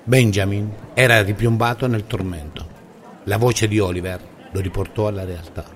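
A man narrating a children's story in a calm, measured way. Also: fairly low pitch.

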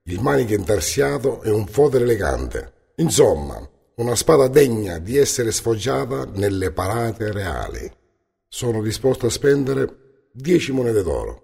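A man voicing a courteous, grand royal general with a gravelly, husky voice in a storybook. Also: fairly low pitch, sing-song, a little slow, a little mellow, long reverb tail, full character voice. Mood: warm.

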